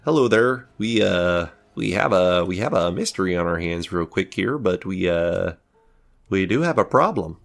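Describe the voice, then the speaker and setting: A man's voice: low voice, animated, normal speed, vocal fry, faint music behind. A man voicing an older city guard investigator in a tabletop game, folksy, squeamish and hesitant, repeating himself apologetically.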